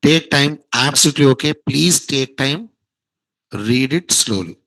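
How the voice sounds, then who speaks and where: A man's voice: medium pitch, lively intonation, a little slow, creaky, a bit bright, dry recording, poor audio. A man teaching a programming class, quizzing students and repeating key terms. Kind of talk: classroom lecture.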